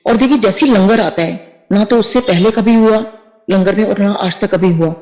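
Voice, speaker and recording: A woman's voice: medium pitch, moderate pace, darkish tone, reverberant, rough recording. A middle-aged woman earnestly telling a devotional testimony, slipping English words into her speech.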